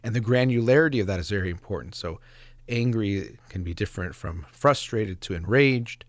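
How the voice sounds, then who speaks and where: Alone on his radio show, a lowish-voiced man reflects aloud at a moderate pace, explaining things with slight hesitation. He's close to the microphone, with no room sound at all.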